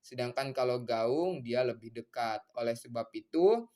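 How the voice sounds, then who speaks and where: A young man tutors pupils through a school science question. He explains in a chatty, unhurried way, dragging out words as he goes. His voice sits at a medium pitch. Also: dark tone. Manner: chatty, drawn-out teacherly explaining. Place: tutoring center.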